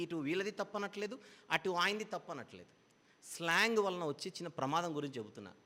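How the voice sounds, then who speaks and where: A man's voice: fairly high pitch, fairly bright tone, long reverb tail. A man preaching a Bible teaching sermon, explaining patiently with repeated parallel phrases.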